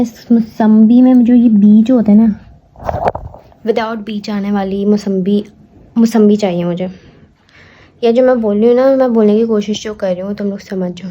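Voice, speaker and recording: Young female vlogger, casual chatty home video, deep mellow tone. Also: steady tone, normal speed, muffled recording, slight background noise. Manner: chatty, addresses viewers directly, mixes English words. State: tired and out of breath. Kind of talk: casual vlog chat.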